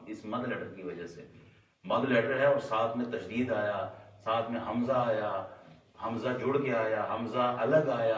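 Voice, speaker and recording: A man's voice: mid-range voice, distant mic, muffled recording. A male recitation teacher leading an adult class, quizzing students and stretching sounds to demonstrate. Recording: echoey room, voice off-mic.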